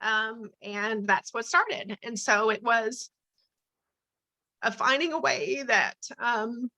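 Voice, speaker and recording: A woman's voice: on the high side, bright, forceful tone, no echo, rough recording. A middle-aged woman, a teacher and advocate, telling a personal story in conversation, earnest and emotional, with many fillers and restarts. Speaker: interview guest, teacher and charity advocate.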